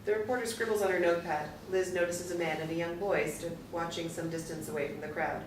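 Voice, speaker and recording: A woman reading a screenplay's stage directions aloud in a measured, matter-of-fact way. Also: on the low side, steady tone. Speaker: narrator. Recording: roomy, distant from the mic, faint noise.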